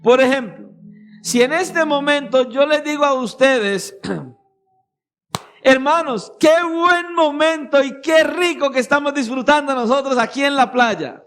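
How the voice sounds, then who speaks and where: A man's voice: very high voice, slow, fairly bright tone. A man with a Colombian accent preaching a sermon in a church hall, emphatic, with rhetorical questions and repeated phrases. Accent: Colombian Spanish. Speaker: pastor.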